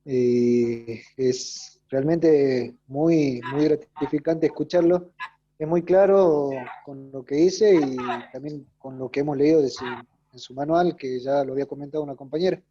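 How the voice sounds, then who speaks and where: Male student, hesitant questioner, dark tone, dull audio. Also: on the high side. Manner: hesitant, halting with many fillers. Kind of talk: question in an online class.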